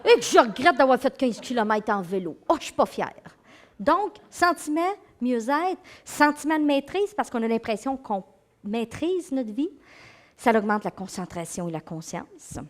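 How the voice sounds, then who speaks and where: A middle-aged woman with a Québécois accent delivers a talk on action and motivation in a high, bright voice. Her pitch swoops widely as she teases the audience and mimics their excuses. The delivery is expressive and conversational. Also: moderate pace. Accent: Québécois French. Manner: animated, acts out inner voices, laughs with the audience. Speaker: psychologist and speaker giving a talk. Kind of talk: lively lecture to an audience.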